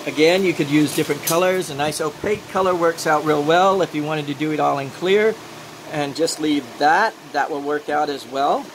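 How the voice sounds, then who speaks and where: A man with a somewhat high voice talks through a practical demonstration in a loose, rambling way. His speech sounds toothless, the consonants slightly soft and mushy. A loud, steady engine-like noise runs behind him. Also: normal speed. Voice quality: toothless, slightly mushy articulation without dentures. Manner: rambling, talks himself through each step. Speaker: glassworking instructor. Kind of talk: informal hands-on demonstration.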